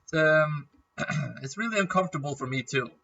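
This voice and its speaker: A man chatting casually through a game as a YouTuber, rambling and clearing his throat often with a nagging cough. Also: on the high side, normal speed, bright, forceful tone, recorded from a distance, dull audio. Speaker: gaming YouTuber.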